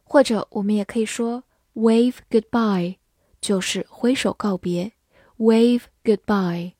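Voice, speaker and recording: A woman teaching English vocabulary, who spells words letter by letter and reads example sentences slowly. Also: medium pitch, mellow, breathy edge, dry recording, studio quality. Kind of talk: vocabulary lesson.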